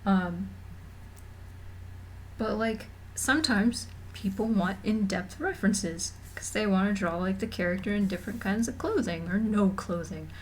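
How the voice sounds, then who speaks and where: A woman's voice: medium pitch, a little slow, a little hiss or hum. A young woman streaming from home and chatting casually, rambling with lots of fillers and restarts while feeling a little nauseous. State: mildly nauseous. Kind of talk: casual livestream chat. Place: home room.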